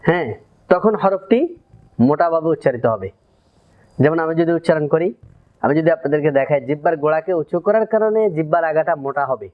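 Male Quran teacher, slightly high voice, patient drill-style delivery, muffled lo-fi recording. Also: expressive. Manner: explains step by step, drills letter sounds slowly. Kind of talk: Quran pronunciation lesson.

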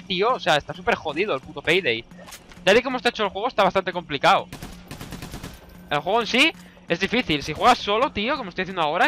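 A young man with a Spanish accent from Spain, giving let's play commentary, excitable and shouting orders at his teammates while swearing constantly. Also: high voice, a little hiss or hum. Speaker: gaming YouTuber.

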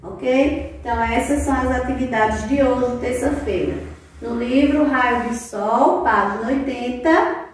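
Woman, preschool teacher, slow drawn-out syllables, very echoey room. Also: on the high side. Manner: slow, sing-song teacher talk, drawing out syllables. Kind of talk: recorded children's lesson. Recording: very echoey room, distant mic, faint noise.

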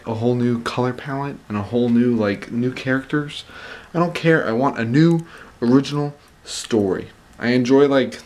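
A young man talking in a casual, conversational vlog style, leaning on words for emphasis, recorded at arm's length in a room at home. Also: mid-range voice. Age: young adult. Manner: conversational, emphatic repetition for stress. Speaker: vlogger. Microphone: camera at arm's length.

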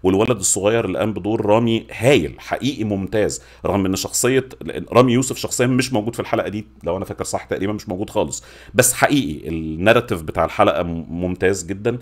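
A man's voice: on the low side, racing. A man in his forties with an Egyptian accent reviewing in natural unscripted talk, informal and emphatic, repeating words for stress, at a desk microphone. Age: 40s. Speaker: YouTube film and series reviewer. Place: small home studio room. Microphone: desk microphone with pop filter.

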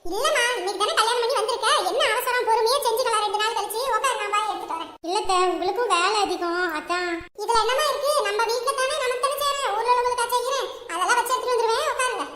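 A woman's voice: extremely high pitch, noisy background. A woman acting out a comic family skit, chatty and teasing, voicing several relatives. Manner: quick, chatty, teasing banter. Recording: echoey room with faint music.

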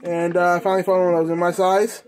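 A young American man hosting a casual unboxing vlog, talking in a halting, informal, slangy way. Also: high-pitched, little pitch movement, a little mellow, slight background noise. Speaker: host of a clothing collecting channel. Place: indoors in a room at home.

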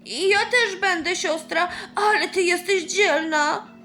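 A woman's voice: very high voice, slow, sharp tone, soft background music, exaggerated voice. A woman voicing a young boy, a caring but awkward older brother who speaks hesitantly. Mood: concerned.

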